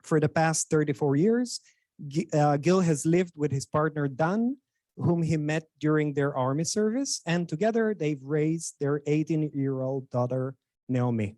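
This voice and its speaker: Man with a dry, higher voice. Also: measured pace, dark tone, no echo. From Bulgaria. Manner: hesitant, with frequent fillers and restarts. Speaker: Hebrew instructor introducing a guest speaker. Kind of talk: formal introduction with acknowledgements.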